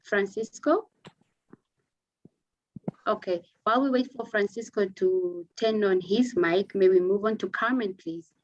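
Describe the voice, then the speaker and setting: A woman's voice: medium pitch, measured pace, pauses often. Woman moderator, online panel, courteous formal handovers, mid voice, dull lo-fi sound. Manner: polite, formal turn-giving.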